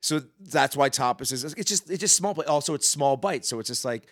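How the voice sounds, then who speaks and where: A man's voice: on the high side, expressive, fairly quick, fairly bright tone. A middle-aged man co-hosting a casual talk show, crude and opinionated, swearing freely. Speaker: podcast co-host. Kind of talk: casual chat.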